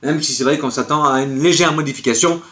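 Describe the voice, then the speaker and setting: A man's voice: mid-range voice, fast, fairly bright tone. A man ranting in a casual vlog, exasperated and repeating his words. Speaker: collector vlogger.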